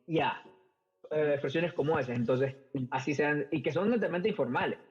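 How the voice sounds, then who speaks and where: Casually recounting stories as a podcast guest, a middle-aged man from Ecuador talks at normal speed in a fairly high, slightly rough voice with an Ecuadorian Spanish accent. Hesitant, he fills his speech with fillers and repeated words. The sound is muffled and lo-fi, with faint background music.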